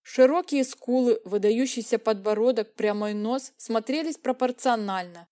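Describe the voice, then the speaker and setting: A woman narrating a romance audiobook in a measured, emotive reading. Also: a little high, warm tone.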